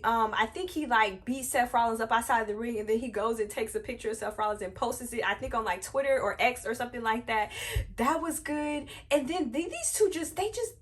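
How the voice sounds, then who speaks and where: Young woman fangirling over wrestling, kinda high voice, lots of um and y'all, close mic. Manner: animated, addresses viewers as y'all, many fillers. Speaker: wrestling review vlogger. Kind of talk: excited casual wrestling recap.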